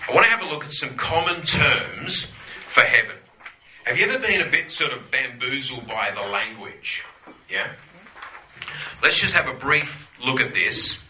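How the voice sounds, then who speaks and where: Bright-voiced man teaching the Bible. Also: mid-range voice, animated, normal speed, roomy sound, a little hiss or hum, poor audio. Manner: conversational, checks in with "yeah?"; quotes scripture, repeats phrases for emphasis. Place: teaching room with a group.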